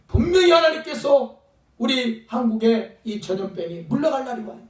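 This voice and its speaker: A male pastor with a very high voice delivers a fervent sermon, at times acting out pleading voices. He is recorded from a distance in a church, so the sound is echoey and roomy. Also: expressive, normal speed. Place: church sanctuary.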